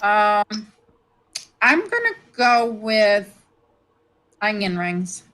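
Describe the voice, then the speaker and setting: A woman's voice: medium pitch, sing-song, very slow, bright, forceful tone, low-quality recording. A woman, chatting casually as a guest and laughing often. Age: 50s. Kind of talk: casual chat.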